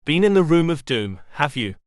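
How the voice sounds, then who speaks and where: A friendly, teasing girl in a children's home, voiced by a male narrator. Her pitch is lively and bright, and the sound is dry and close. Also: normal speed, clean tone, no room sound.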